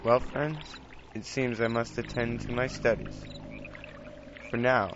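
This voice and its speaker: A man hosts a scripted fantasy podcast, playing a chatty young wizard's apprentice who grumbles and eagerly explains his studies as an amateur scholar in theatrical monologue and narration. He sounds earnest, speaking slowly at medium pitch with fairly even intonation, close to everyday speech. It's a dull lo-fi home recording with loud background music.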